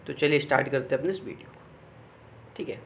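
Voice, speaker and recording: A young man who makes exam guidance videos on YouTube explains things informally to students, talking fast and expressively at medium pitch with a slightly bright tone. He keeps checking in with "okay" as he goes, and there's a little hiss or hum in the audio.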